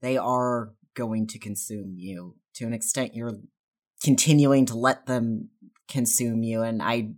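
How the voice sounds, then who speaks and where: A woman playing a weary, gentle man who pleads softly with a friend. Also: very deep voice, fairly even intonation, measured pace. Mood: pleading. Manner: soft-spoken, pleading.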